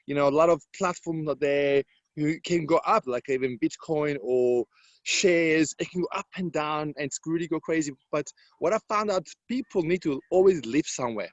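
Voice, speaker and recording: A man from Serbia, whose second language is English, plays a self-assured property mentor in an interview, speaking with a Serbian accent and shaky grammar in a sales-coach manner. His voice is fairly high and moderately paced; the recording lacks room sound and has its high frequencies cut off.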